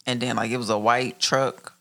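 A man's voice: medium pitch, level tone, moderate pace, vocal fry, sharp tone, slight background noise. A man in casual chat with friends, slangy and profane.

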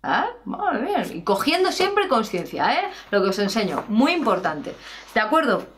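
Female vocal coach, animated higher voice, chatty and demonstrative. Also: normal speed. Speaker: singing teacher. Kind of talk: casual singing lesson.

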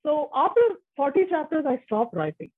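Speaking casually as an interview guest, this Tamil-speaking woman in her forties is chatty and often restarts. She has a high, sing-song voice at a moderate pace, heard over a muffled, phone-like line.

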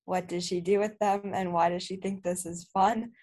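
A woman's voice: fairly low pitch, steady tone, moderate pace, a little mellow. A woman co-hosting a podcast, rambling with lots of "like" and "um" and teasing her friends. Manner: rambling, filler-heavy, joking. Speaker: podcast co-host. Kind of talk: casual podcast chat.

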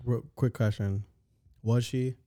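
A man's voice: mid-range voice, steady tone, takes it slowly, mellow. A man reacting to a story in casual, slangy banter as a co-host.

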